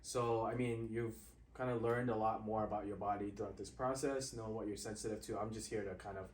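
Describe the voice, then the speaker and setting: A man's voice: on the low side, fairly even intonation, a little fast, a little hiss or hum. Man, doctor hosting an interview, conversational, roomy sound, set back from the mic. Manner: conversational, loose phrasing. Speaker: doctor and host. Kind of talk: interview questions. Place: clinic room. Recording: roomy, slightly distant mic.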